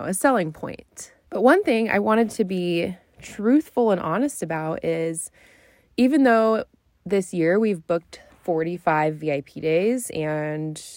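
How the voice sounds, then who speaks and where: A woman with a slightly low voice talks as a solo podcast host. Her delivery is informal and candid, like a conversation. The sound is dry and enclosed, recorded inside a closet. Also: darkish tone, dry recording. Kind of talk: casual solo podcast talk.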